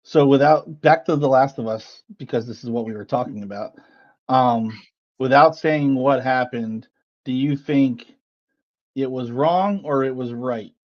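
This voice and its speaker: A man's voice: mid-range voice, measured pace, lo-fi sound. A man co-hosting a podcast, chatting casually and teasing his partner as he argues his view. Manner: teasing, argumentative. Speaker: podcast co-host. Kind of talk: casual chat.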